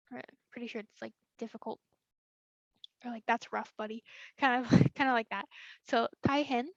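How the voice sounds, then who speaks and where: A woman's voice: fairly high pitch, dry recording. A young woman explaining a lesson in a casual, hesitant way, full of likes and ums and hedges. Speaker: student tutor. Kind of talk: casual recorded study lesson. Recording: dry, dull lo-fi sound.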